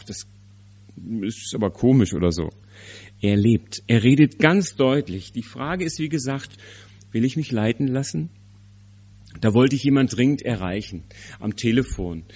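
A man preaching a sermon, telling personal stories with lively emphasis and sudden quiet drops. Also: mid-range voice. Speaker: pastor. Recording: slightly dull, lo-fi.

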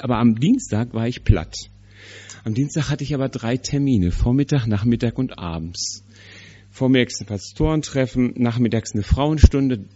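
A man preaching a sermon, telling personal stories with lively emphasis and sudden quiet drops. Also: mid-range voice. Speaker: pastor. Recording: slightly dull, lo-fi.

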